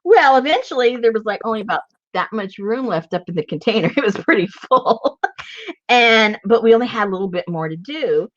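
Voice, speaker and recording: A woman chats as she crafts, her voice bouncing up and down as she tells stories and keeps breaking into laughter. Her voice sits a little high. The recording is slightly dull and lo-fi. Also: expressive, fairly quick, slight background noise. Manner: chatty storyteller who laughs often. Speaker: junk journal crafter and channel host. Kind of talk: casual chat while crafting.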